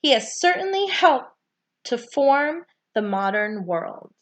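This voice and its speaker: A high-voiced woman takes her time reading a nonfiction book for children aloud, her narration very animated and aimed at a young audience.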